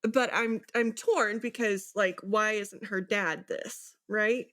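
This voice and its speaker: With a steady, slightly bright medium-pitched voice, a woman talks slowly as she co-hosts a casual book podcast. She muses speculatively and drops in rhetorical check-ins to make sure the listener follows.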